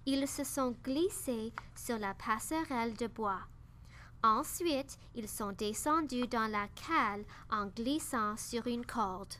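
A woman reading a children's story aloud, slow and careful. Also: on the high side, bright, forceful tone, slight background noise. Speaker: narrator.

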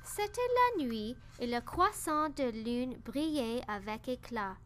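A woman reading a children's story aloud, slow and careful. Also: a little high, expressive, fairly bright tone, slight background noise. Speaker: narrator.

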